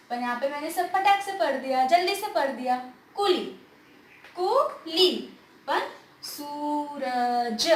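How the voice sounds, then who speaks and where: A woman teaching a grammar lesson to children, asking questions and answering them herself, drawing words out slowly to show how they sound. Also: sits high, reverberant, a little hiss or hum.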